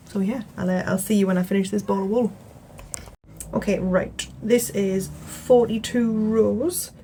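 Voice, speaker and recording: A young British woman giving a relaxed, rambling crochet tutorial at home, chatting casually with plenty of fillers. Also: medium pitch, noisy background. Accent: British English. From England. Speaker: crochet vlogger. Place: home, indoors.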